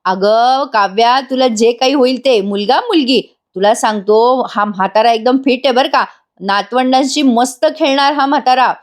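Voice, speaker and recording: A woman retelling the lines of an affectionate older father-in-law who chats in a warm, teasing way. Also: a little high, normal speed, lightly acted. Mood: jovial.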